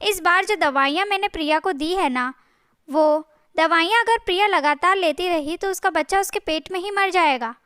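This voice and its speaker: A woman's voice: very high voice, moderate pace, bright, forceful tone, dry recording. Woman doing a scheming brother-in-law: threatening, cold, bone-dry close read. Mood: menacing. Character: scheming cruel man, elder brother-in-law.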